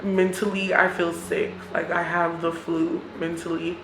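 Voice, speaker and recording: Low-pitched, even-toned woman vlogger in echoey room. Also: a little slow, background noise. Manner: candid, reflective, self-encouraging. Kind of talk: confessional casual chat. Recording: roomy echo with music behind.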